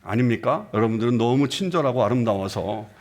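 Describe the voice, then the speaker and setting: A middle-aged senior pastor preaches a sermon in a church sanctuary, his mid-range voice animated and a little fast. He asks the congregation rhetorical questions and acts out short dialogues with shifting voices.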